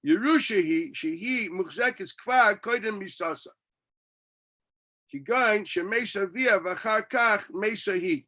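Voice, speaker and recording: High, bright New man teaching Talmud. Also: measured pace. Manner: argumentative, asking and answering his own questions. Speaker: rabbi teaching a Talmud class. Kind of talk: Talmud lecture, reading and explaining text.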